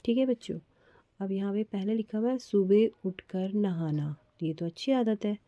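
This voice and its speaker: A woman's voice: medium pitch, moderate pace, mellow, no room sound. A woman teacher patiently explaining a worksheet to children, spelling out sounds and repeating words. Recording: slightly dull, lo-fi audio.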